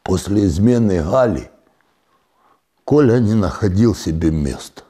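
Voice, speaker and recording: A man telling comic jokes in a deadpan way, jumping to high shouted punchlines. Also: measured pace, a little hiss or hum. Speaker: joke teller.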